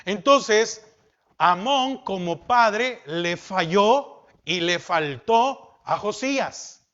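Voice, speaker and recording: A man preaching a sermon as pastor, asking the congregation questions and dropping from loud emphasis to soft. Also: high-pitched, lively intonation, drawn-out words, highs cut off.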